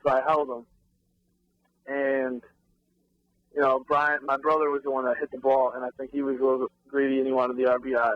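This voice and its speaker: A man guesting on a sports talk show, candidly and haltingly explaining his own coaching call. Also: medium pitch, monotone, no echo. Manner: candid, self-critical, halting with fillers. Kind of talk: casual interview chat. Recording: dull lo-fi recording.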